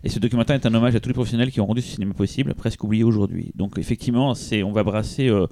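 A man talks casually on a podcast, wandering through his thoughts with lots of restarts. His voice sits low and sounds mellow rather than bright. The sound is dry and close. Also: racing, vocal fry, dry recording. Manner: rambling, many restarts and hesitations. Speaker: podcast co-host presenting a film. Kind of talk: casual chat.

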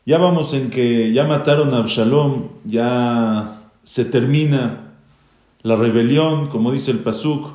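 A man's voice: medium pitch, slow pace, mellow, reverberant. A man teaching a Torah class, reading Hebrew verses aloud and then translating them, and he grows rising and emphatic when quoting.

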